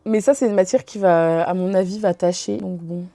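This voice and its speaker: A woman's voice: on the low side, fairly even intonation, normal speed, mellow, no echo. A young woman from France chatting casually to the camera in her bedroom about her haul, enthusiastic and giggly with lots of slang. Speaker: beauty and haul vlogger. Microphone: camera very close to her face.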